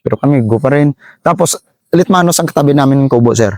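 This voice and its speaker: A middle-aged man with a Visayan accent, an army sergeant telling a war story in a halting way, repeating phrases and often saying "sir". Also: mid-range voice, a little mellow, no room sound, clean studio sound. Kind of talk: interview storytelling.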